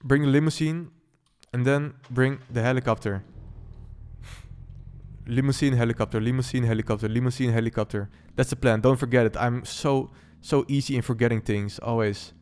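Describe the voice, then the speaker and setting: A man's voice: medium pitch, steady tone, normal speed, a little mellow, clear, resonant tone, big-room sound, close to an everyday voice. A man voicing a chatty, friendly male game buddy who rambles good-naturedly and admits he forgets things.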